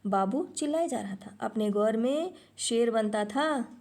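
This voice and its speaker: A woman reading a short story aloud in a measured, steady way. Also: on the high side.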